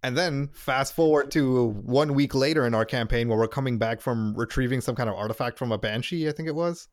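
A man co-hosting a podcast as a player, talking in a rambling, halting way. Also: medium pitch, no echo, studio quality. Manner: rambling, halting, searches for words. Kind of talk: casual podcast chat.

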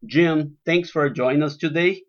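A man's voice: on the high side, normal speed. A man hosting a podcast interview in a welcoming, courteous, conversational way. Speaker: podcast host. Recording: dull lo-fi podcast audio.

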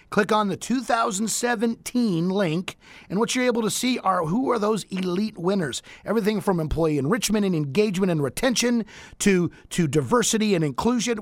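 A man hosting a radio talk show in a lively promotional style, exuberant and hyping things up with a preachy streak. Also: high voice, no room sound.

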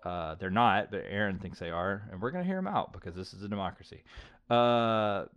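A man's voice: fairly low pitch, animated, fairly quick, fairly bright tone, smooth, dry recording, dull audio. A middle-aged man hosting a casual board game podcast, chatty and full of fillers. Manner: chatty, lots of likes and fillers. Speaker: podcast host.

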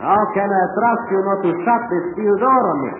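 An actor playing a formal, fussy older baron in a 1940s radio drama, wary and precise in speech. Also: male voice, high-pitched, lively intonation, fairly quick, roomy sound. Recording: noisy, narrow 1940s radio recording.

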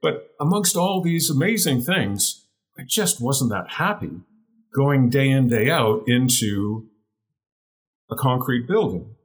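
A man in his forties, deep-voiced yet at an ordinary pitch, earnestly recounts his route into business in a reflective interview. He's expressive and takes it slowly, repeating words as he gathers his thoughts.

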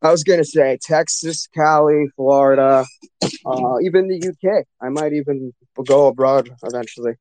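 A man's voice: fairly high pitch, normal speed, a little mellow, low-quality recording. A man hosting a casual, hyped live talk show in frat bro slang, swearing freely. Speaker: crypto show host.

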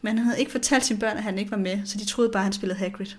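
A woman co-hosting a podcast in casual chat, friendly and relaxed, reading out listener messages. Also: medium pitch, a little hiss or hum.

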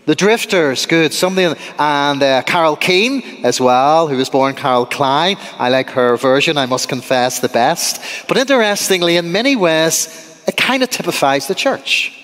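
A middle-aged man from Ireland with an Irish accent, preaching a sermon in a church with lively, humorous asides to the congregation. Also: fairly high pitch, moderate pace. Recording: long church reverb.

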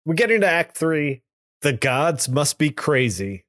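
A man's voice: a little high, big pitch swings, measured pace, a bit bright. A man co-hosting a podcast, casually recapping a comic book, laughing often and acting out the characters' lines. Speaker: podcast co-host.

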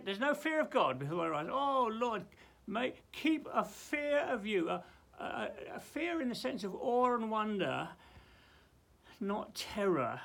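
In a loft, a man preaches informally, teaching from the Bible in a halting, exclamatory manner and repeating himself along the way. His voice is high and fairly bright, with vocal fry.

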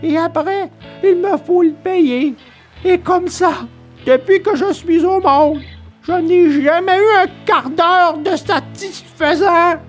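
A stubborn little wooden puppet boy, wailing and pleading in a shrill, strained voice. He drags out his words slowly between sobs. A storybook voice, pitched far above an adult's. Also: soft background music. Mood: desperate sobbing.

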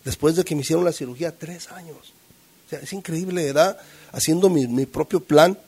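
Middle-aged guy, husky voice, pitched a bit high, rambles through his testimony with lots of fillers. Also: fairly quick, a little mellow. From Mexico. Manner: rambling, filler-heavy, tag questions; acts out quoted voices with pitch jumps. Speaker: recovery group member sharing testimony. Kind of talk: personal testimony to a group.

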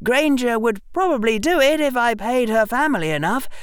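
A reader voicing an earnest young wizard boy who lectures and persuades in a high, pushed-up voice. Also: animated, moderate pace, smooth, no room sound, clean studio sound, natural voice. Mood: persuasive. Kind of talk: audiobook character reading.

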